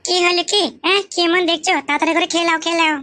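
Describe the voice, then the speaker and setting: Pleading young cartoon wife, high and quick woman voicing. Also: level tone, sharp tone. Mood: placating. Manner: placating, whiny. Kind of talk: comic cartoon voice acting.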